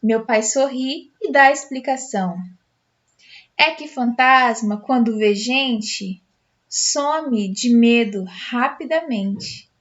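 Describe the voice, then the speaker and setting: Woman teacher, Brazilian accent, slow and expressive, fairly high voice, dull lo-fi sound. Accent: Brazilian Portuguese. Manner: expressive, dramatic read-aloud. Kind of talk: storybook reading for schoolchildren.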